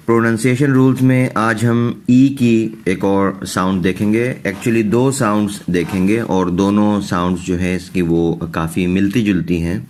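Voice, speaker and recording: A man teaching English pronunciation in a recorded online lesson, slow and methodical, saying each example word twice. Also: lowish voice, fairly even intonation, a little mellow.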